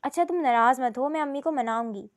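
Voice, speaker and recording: A woman voicing a gentle young daughter who coaxes and pleads softly in a storybook reading. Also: sits high, no room sound, natural voice. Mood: pleading.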